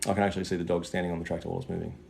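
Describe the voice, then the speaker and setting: A man's voice: deep voice, flat delivery, rapid-fire, a little mellow. A man chatting casually on a livestream as a psychic medium, matey and sweary with plenty of slang. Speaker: psychic medium giving live readings. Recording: clear background noise.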